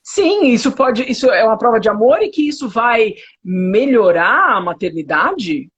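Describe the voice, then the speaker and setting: A Brazilian woman psychotherapist talks in a lively, swooping voice with a husky edge. She pushes her points with indignant rhetorical questions. The audio sounds dull and lo-fi. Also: on the high side, moderate pace. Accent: Brazilian Portuguese. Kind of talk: conversational interview.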